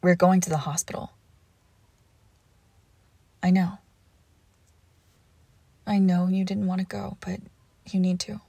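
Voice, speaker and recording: A young woman playing a devoted girlfriend who nurses her sick partner, coaxing and protective, often dropping to a hush. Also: fairly low pitch, level tone, slow, vocal fry, pauses often, slightly rough, dry recording, full character voice. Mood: alarmed. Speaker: audio roleplay performer. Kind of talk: audio roleplay addressed to the listener.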